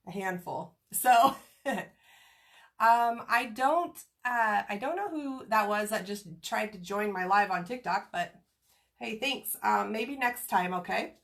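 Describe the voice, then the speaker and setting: A woman's voice: mid-range voice, gravelly, fairly bright tone. A woman from Kansas getting over a cold, with a nasal, scratchy voice, chatting casually while doing crafts on a livestream and greeting viewers by name. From Kansas, USA.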